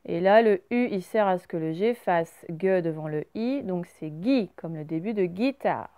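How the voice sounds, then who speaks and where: A woman teaching a recorded reading lesson to young children. She explains each word slowly and clearly, step by step. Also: on the low side, lively intonation, warm tone, no echo.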